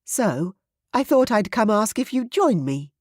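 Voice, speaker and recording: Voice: medium pitch, sing-song, a little slow, darkish tone, no echo, clean studio sound, voice pushed up. A synthetic-sounding narrator voicing a playful, coaxing young princess in a slightly raised voice. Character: young woman, a bold visiting princess.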